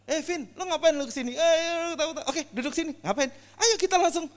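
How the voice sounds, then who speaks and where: A man voicing a boisterous male pastor who pushily invites a friend onstage, in loud Jakarta slang. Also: very high voice, fast talker, in a large hall, pitched above the performer's own voice.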